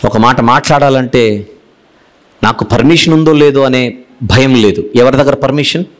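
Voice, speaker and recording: A man preaching a sermon with a Telugu accent, repeating phrases for emphasis and swinging between loud declarations and low, hushed rebukes. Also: moderate pace.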